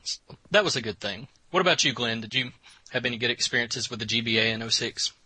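A man hosting a casual podcast, talking in a relaxed, rambling way with fillers. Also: mid-range voice, quick pace, husky, no room sound, poor audio. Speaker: podcast host.

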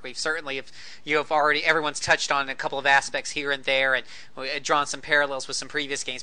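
Very bright, sharp-voiced male host. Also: on the high side, clean tone. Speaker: host, moderator. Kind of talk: casual panel moderation.

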